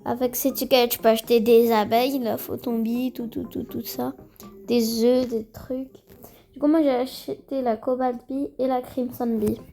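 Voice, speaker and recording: A woman's voice: on the high side, little pitch movement, moderate pace, warm tone, slight background noise, poor audio. A woman giving casual, rambling gameplay commentary full of fillers, now and then slipping into English words. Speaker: gaming video creator.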